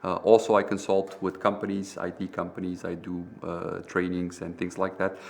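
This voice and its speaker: A man's voice: low-pitched, completely flat delivery, normal speed, gravelly. A middle-aged man, a university professor from Romania who grew up partly in the US, explaining business strategy on a panel in a lecturing way. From Romania, raised partly in the US. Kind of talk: panel talk.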